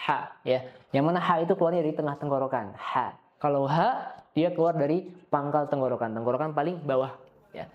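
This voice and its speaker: A man teaching careful recitation, slowly drawing out each verse before explaining it briskly, tagging "ya" onto nearly every phrase and clearing his throat now and then. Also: on the high side, dark tone, highs cut off. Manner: adds "ya" as a tag after nearly every phrase. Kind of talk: tajwid lesson with slow demonstration recitation.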